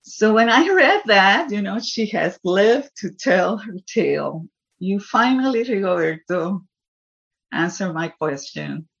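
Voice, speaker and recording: Here a woman from Puerto Rico, whose first language is Spanish and whose accent is Puerto Rican, performs as a poet, reading and recounting personal stories to listeners. Her medium-pitched voice is expressive, slow and creaky with a fairly bright tone, though the recording sounds muffled.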